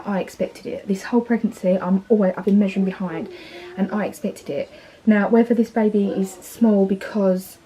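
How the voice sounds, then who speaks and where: Essex mum in her 30s, heavily pregnant and worn out, rambly casual chat, warm mellow voice, bit of low noise behind. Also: rough recording. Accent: Essex English. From England. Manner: chatty, rambling with many fillers and restarts. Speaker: vlogger.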